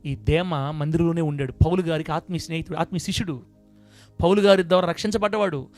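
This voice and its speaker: A man with a high voice preaches a sermon to a church congregation. His delivery swings from quiet, confiding asides to loud, emphatic bursts. Soft music plays faintly behind him. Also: steady tone, fast talker. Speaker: pastor. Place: church service before a congregation.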